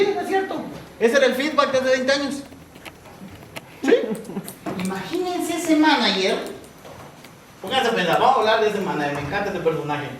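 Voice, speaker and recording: A man, giving a lively talk to students, often asking the room questions and acting out small scenes. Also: sits high, recorded from a distance, a little hiss or hum. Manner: asks the audience constant questions; acts out both sides of little scenes. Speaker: speaker at a university talk. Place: large hall with audience. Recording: echoey lecture hall, voice heard from afar.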